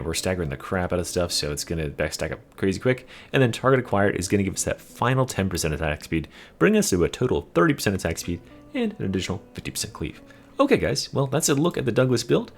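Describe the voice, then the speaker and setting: A young man who makes game build guides gives loose, casual gameplay commentary, explaining a build with swearing and lots of fillers. His voice is deep with a darkish tone.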